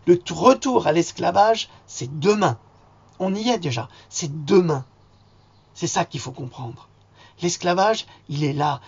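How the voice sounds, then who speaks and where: A man's voice: a little high, vocal fry, darkish tone, slightly rough. A man ranting indignantly in an improvised vlog, rambling from point to point with sudden mocking outbursts. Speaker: vlogger. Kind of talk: improvised angry rant to camera. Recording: dull lo-fi sound.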